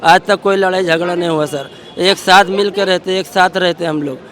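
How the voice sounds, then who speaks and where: A man's voice: high voice, steady tone, moderate pace, a bit bright. A man who lives in the area, pleading with a reporter outdoors, repeating himself and calling him sir. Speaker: local resident interviewed. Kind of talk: street interview. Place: outdoors in a crowd. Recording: crowd noise outdoors. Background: crowd chatter.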